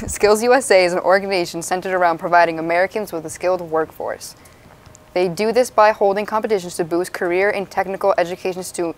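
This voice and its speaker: A young woman with a slightly low voice anchors a student mock newscast. She reads from a script in news-anchor style.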